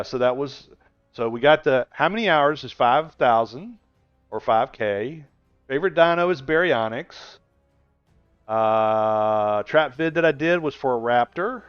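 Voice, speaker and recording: This is a man in his sixties, casually chatting with viewers on a gaming live stream, wandering off topic and laughing often. His smooth, mid-range voice moves at a measured pace. The recording is dull, lo-fi stream audio with soft music behind him and no room sound.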